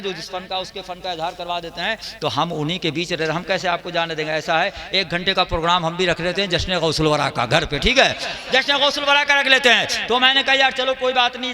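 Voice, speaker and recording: A male preacher with a high, piercingly bright voice. He tells stories conversationally and swells into loud, stretched-out chanted lines. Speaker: Islamic preacher. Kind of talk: sermon with storytelling. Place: religious gathering.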